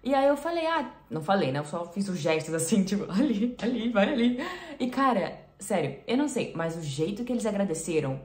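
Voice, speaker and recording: Woman, casual vlog chat, lowish voice, slangy, echoey room. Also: very animated, brisk, hardly any pauses, darkish tone. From Brazil. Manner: chatty and slangy. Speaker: reaction video host.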